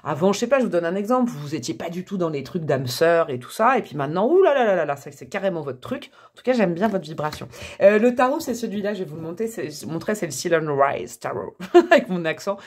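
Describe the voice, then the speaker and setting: A woman's voice: lowish voice, lively intonation, quick pace, breathy edge. A woman giving a casual tarot reading to camera, chatty and thinking aloud with many fillers and small laughs. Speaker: tarot reader.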